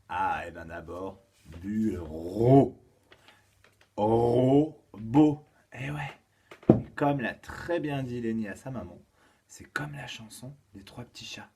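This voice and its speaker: A male kindergarten teacher giving a home-schooling lesson to young children. He counts aloud, sings a rhyme and reads riddles slowly and clearly. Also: on the low side, slight background noise.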